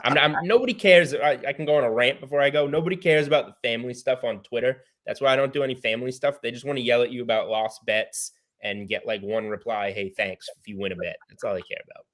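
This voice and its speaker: A man's voice: medium pitch, fairly even intonation, fast talker, hardly any pauses, fairly bright tone. An American man giving sports betting analysis as a guest in casual chat, thinking aloud as he goes.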